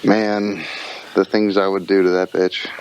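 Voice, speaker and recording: A man's voice: sits low, flat delivery, measured pace, slight background noise, poor audio. A man co-hosting a casual podcast, throwing out crude jokes and plain-spoken opinions. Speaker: podcast co-host. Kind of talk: casual wrestling podcast chat.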